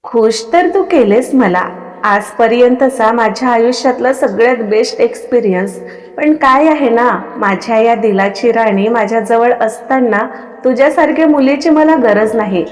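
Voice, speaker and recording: Arrogant rich young man, read by a woman: curt and cold, voice rather high, reverberant. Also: normal speed, faint music behind, lightly acted. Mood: smug. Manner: cold and curt, orders people around. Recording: long reverb on the voice.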